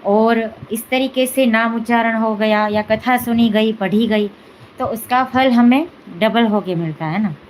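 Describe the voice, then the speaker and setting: A woman's voice: a little high, a little slow, a little hiss or hum, low-quality recording. A woman hosting a devotional live stream, talking casually with many fillers and "है ना" asides. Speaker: devotional channel host.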